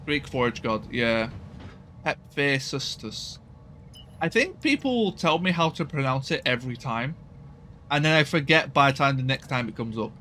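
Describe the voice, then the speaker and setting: A man's voice: medium pitch, lively intonation, moderate pace, sharp tone, a little hiss or hum. A man casually commenting while playing a strategy game, thinking aloud and swearing now and then.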